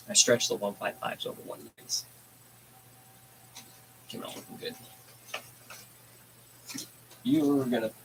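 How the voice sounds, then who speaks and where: A man's voice: lowish voice, gravelly, background noise. A man hosting a casual hobby livestream, talking in a laid-back, rambling way with plenty of fillers. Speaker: livestream host.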